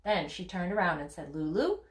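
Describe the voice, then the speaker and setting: A woman kindergarten teacher reads a children's storybook aloud in a lively, playful way. Her pitch sits in a middle range. The room adds a clear echo. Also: moderate pace. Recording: roomy echo.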